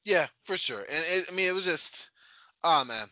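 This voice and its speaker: A man co-hosting a casual sports podcast, animated and rambling, repeating himself as he talks. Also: high-pitched, normal speed, no echo, lo-fi sound. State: sleepy, yawning late at night. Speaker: podcast co-host.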